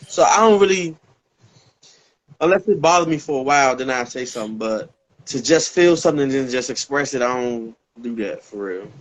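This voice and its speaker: A man's voice: mid-range voice, lively intonation, a little fast, rough recording. A man co-hosting a casual podcast chat, blunt and profane, laughing things off. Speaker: co-host. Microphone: video call.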